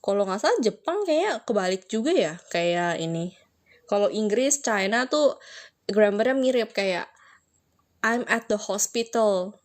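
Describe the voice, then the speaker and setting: A woman's voice: medium pitch, lively intonation. Chatty young woman tutoring Mandarin. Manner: chatty, slows down to spell out Mandarin phrases. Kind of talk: casual live lesson answering viewers.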